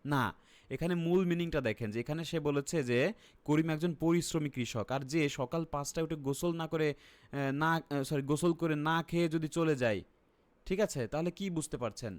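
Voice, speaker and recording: A man with a Bangladeshi accent teaching an exam-prep lesson online. He keeps asking his viewers questions and then answers them himself. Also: a little high. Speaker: IELTS teacher.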